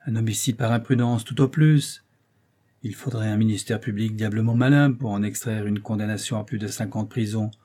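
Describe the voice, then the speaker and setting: A man voicing a sly, soft-spoken old clerk. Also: on the low side, fairly even intonation, a little fast, close to an everyday voice. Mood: smug. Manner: gentle, insinuating. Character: mild, sly old male bailiff's clerk. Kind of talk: audiobook character voice.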